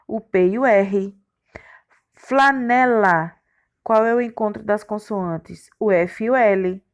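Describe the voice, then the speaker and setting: A woman's voice: medium pitch, steady tone, measured pace, a little mellow. A woman teacher, giving a recorded grammar lesson to young children and spelling out letters and syllables one by one. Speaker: primary school teacher.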